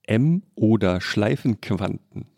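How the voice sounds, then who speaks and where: A male podcast host fires off quick either-or questions in a brisk, playful way. His voice is fairly low and mellow. The close, dry sound has no room to it. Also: animated, vocal fry, no echo. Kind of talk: quizzing a guest in a quick question game.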